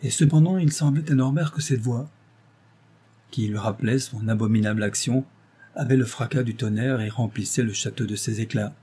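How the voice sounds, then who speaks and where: Mellow, husky male audiobook narrator. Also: mid-range voice, normal speed. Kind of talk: scripted narration of a novel.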